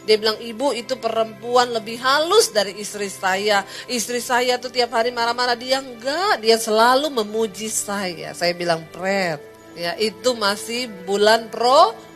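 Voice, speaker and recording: A woman's voice: a little high, moderate pace, faint music behind. A woman preaching a sermon, telling a story and acting out its dialogue, rising to emphatic peaks. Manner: lively, acts out dialogue, rises to emphatic peaks.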